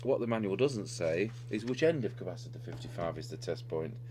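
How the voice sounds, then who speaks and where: Fairly quick and deep-voiced, a male presenter gives an unscripted, methodical hands-on demonstration of electronics repair, thinking aloud while he works at the bench. Steady hum and noise fill the background of the clearly noisy recording.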